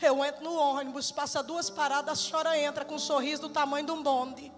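A woman voicing a desperate unemployed man, speaking low and heavy, in a live church hall with music behind. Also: flat delivery, fast talker, close to an everyday voice. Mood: despairing. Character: desperate unemployed middle-aged man, bitter.

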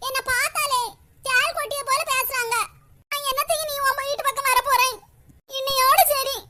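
A woman's voice: very high-pitched, fairly even intonation, moderate pace, exaggerated voice. A woman voicing a scheming young sister-in-law in a cartoon, complaining in a Kanyakumari Tamil accent. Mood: sulking. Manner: complaining, sharp-tongued. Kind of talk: cartoon voice acting.

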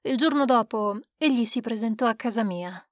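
A woman's voice: on the high side, moderate pace, no room sound, clean studio sound, natural voice. A woman reading the part of a rueful, lovesick male poet who recounts his past in an earnest, emphatic way. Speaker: audiobook reader. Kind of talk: expressive literary reading.

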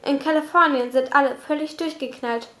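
A woman reading the hurried inner thoughts of an irritated teenage girl. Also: high voice, fairly bright tone, roomy sound. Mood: exasperated.

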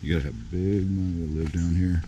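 A man's voice: low voice, fairly quick. A man giving a casual, offhand walking-tour commentary outdoors, recorded on a camera mic while walking. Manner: relaxed, offhand, joking asides. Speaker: travel vlogger. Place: outdoors on city streets. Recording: outdoor camera audio with traffic noise. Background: street traffic noise.

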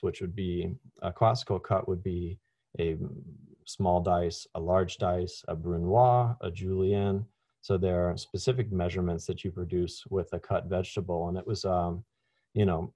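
Deep-voiced man chatting on a video call. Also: no room sound. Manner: relaxed, conversational, many ums and restarts. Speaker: chef and food science presenter. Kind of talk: online webinar talk. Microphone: video call webcam.

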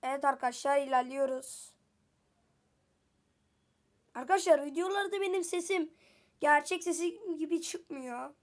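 A woman's voice: high-pitched, measured pace, pauses often. A woman giving casual gameplay commentary to her viewers, chatty and full of exclamations, getting flustered when danger appears. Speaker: gameplay video creator.

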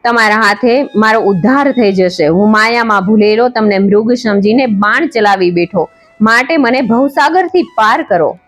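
A woman's voice: a little high, moderate pace, no room sound, close to an everyday voice. A woman narrator voicing a remorseful male hunter, speaking in a pleading, contrite way.

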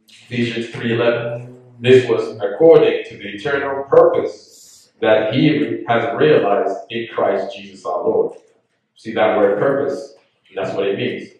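A man's voice: mid-range voice, far from the mic. Man, preacher, earnest sermon teaching, very echoey room, voice off-mic. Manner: earnest teaching, reads scripture aloud.

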